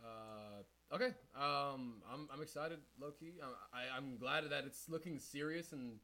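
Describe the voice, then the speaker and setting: A man's voice: medium pitch, unhurried, sharp tone, rough recording. A young man co-hosting a podcast, reacting to movie trailers in a rambling, slangy casual chat. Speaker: podcast co-host.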